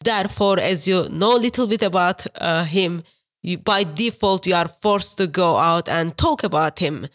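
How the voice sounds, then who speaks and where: A woman from Turkey with a Turkish accent, Turkish her first language, telling her story as a guest over a video call in an earnest, measured way. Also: fairly low pitch, fairly bright tone, faint music behind. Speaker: guest, street preacher. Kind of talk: interview, personal account.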